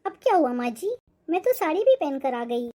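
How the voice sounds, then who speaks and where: A woman voicing a timid, polite young daughter-in-law who answers in soft pleading tones, for a cartoon. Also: high-pitched, big pitch swings, normal speed. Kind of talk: cartoon voice acting.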